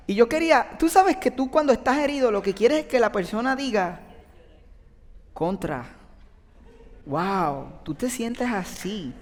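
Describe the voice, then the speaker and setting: A man, preaching a sermon in a conversational way and speaking straight to the congregation. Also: high-pitched. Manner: conversational, addresses the audience directly. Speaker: pastor. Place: church auditorium with an audience. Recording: long reverb from a large hall.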